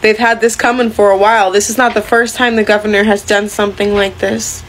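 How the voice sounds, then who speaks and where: A woman speaking like a preacher, solemn and deliberate, delivering a foreboding warning of divine judgment. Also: mid-range voice, little pitch movement, a little hiss or hum, low-quality recording. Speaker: religious commentator. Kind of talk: prophetic sermon-like warning.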